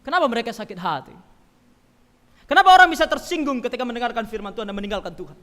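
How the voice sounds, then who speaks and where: High bright-voiced emphatic preacher. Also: male voice, animated, rapid-fire, in a large hall. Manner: emphatic, swings from loud stresses to quiet asides. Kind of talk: sermon. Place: church.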